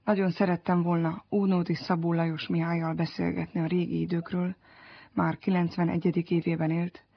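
Husky-voiced woman radio host. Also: lowish voice. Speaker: radio program editor and host. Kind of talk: scripted radio narration and interviewing. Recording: dull lo-fi radio recording.

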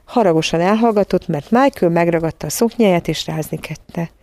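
A woman narrating a children's story in a calm, measured way. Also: lowish voice, no room sound.

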